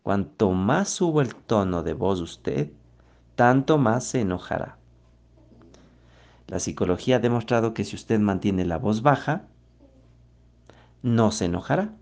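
A man giving a motivational talk on social success, speaking with slow, deliberate emphasis and asking rhetorical questions. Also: fairly low pitch, animated, gravelly, a little mellow. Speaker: self-improvement speaker.

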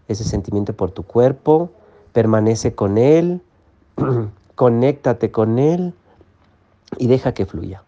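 A man calmly guiding listeners through an exercise on feelings, often checking in with them. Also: mid-range voice, lo-fi sound. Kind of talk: guided emotional-awareness teaching.

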